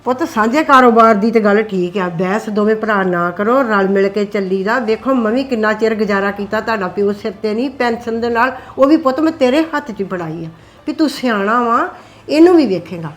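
An older, widowed mother, acted by a woman, softly pleading with her sons to stay together in this web drama. Her voice sits a little high for a woman. She talks in a gentle, motherly way. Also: fairly quick, soft background music, close to an everyday voice. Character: widowed mother on pension, peacemaking, counsels sons. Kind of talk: scripted web drama acting.

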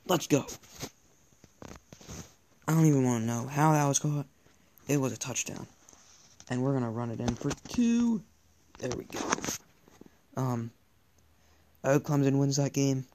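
A man's voice: medium pitch, dark tone. A teenage boy chatting casually over his own football gameplay, rambling and cheering plays on. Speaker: gaming YouTuber.

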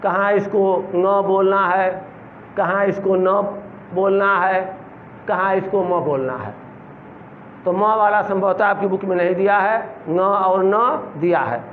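A middle-aged man, teaching a classroom reading lesson, slowly spelling out words syllable by syllable. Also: high voice, fairly even intonation, roomy sound. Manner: slow, drawn-out syllable-by-syllable spelling. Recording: tinny phone-like recording with faint hiss.

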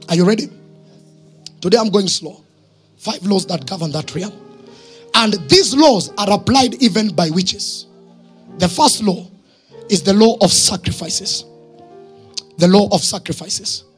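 In a church, a husky-voiced Kenyan pastor in his thirties preaches from the stage into a handheld mic, his voice pitched high. He delivers his sermon emphatically, firing short phrases and questions at the congregation.

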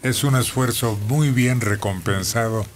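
A man's voice: mid-range voice, a little slow, a little hiss or hum. Courteous male radio host. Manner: courteous, asks short questions. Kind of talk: radio interview. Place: radio studio.

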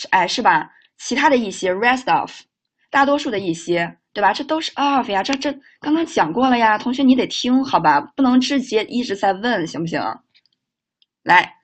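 A woman teaching a live online speaking lesson. She repeats model phrases slowly and carefully, breaks into quick chatty asides, and firmly tells students off. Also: a little high. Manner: firm with students, mildly scolding. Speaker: English teacher.

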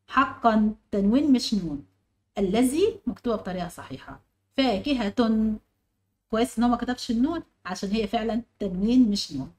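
A woman's voice: mid-range voice, darkish tone. A young woman teacher with an Egyptian accent explaining a grammar exercise step by step and putting questions to her pupils. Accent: Egyptian Arabic. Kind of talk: online grammar lesson.

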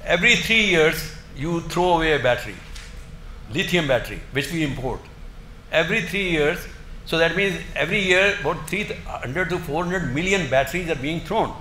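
An older man giving an academic lecture in a halting, emphatic way, often repeating his words. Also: on the high side, expressive, sharp tone. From India. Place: indoor lecture room, seated at a desk. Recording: roomy echo, faint background noise.

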